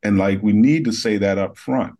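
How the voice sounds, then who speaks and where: A man's voice: lowish voice, normal speed, warm tone. A man, an author answering interview questions in a reflective, emphatic way. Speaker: author and editor, guest.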